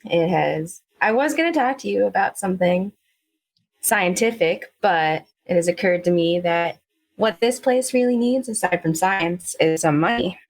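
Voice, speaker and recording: A woman portrays a forward, scheming woman reporter in a tabletop game, smooth-talking and always angling for a deal. The voice runs a bit low, with a sly, flirtatious edge. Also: lively intonation, normal speed. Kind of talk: tabletop role-play.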